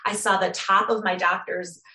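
A woman's voice: mid-range voice, flat delivery, pushed and bright. Earnest woman in an echoey room. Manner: earnest, halting, with restarts. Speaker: guest. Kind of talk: personal storytelling in an interview.

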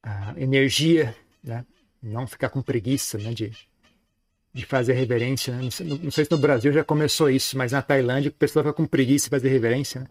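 A man giving a Buddhist dharma talk in a relaxed, conversational way, often ending phrases with a questioning tag. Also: mid-range voice, fast talker. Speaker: Buddhist teacher.

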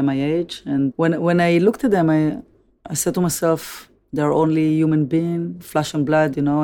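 A woman's voice: sits low, dark tone. A woman in her fifties with an Israeli accent, a native Hebrew speaker, answering interview questions in English with many uh and you know fillers. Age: 50s. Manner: frequent fillers like uh and you know, plain direct phrasing. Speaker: interview guest, former Olympic athlete.

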